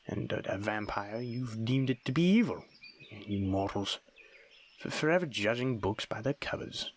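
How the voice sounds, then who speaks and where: In an intimate ASMR audio roleplay, a man with a lowish voice plays a lonely aristocratic vampire who looks young, performing a dramatic monologue. He sounds guarded yet tender, speaking softly and breathily in formal, old-fashioned wording, and stammers hesitantly when moved.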